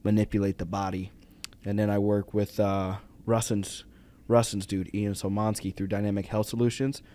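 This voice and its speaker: A man's voice: on the low side, little pitch movement, normal speed, dark tone. A young man in his twenties hosting a podcast, teasing his guest in a laid-back way. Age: 20s. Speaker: podcast host. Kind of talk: casual podcast chat.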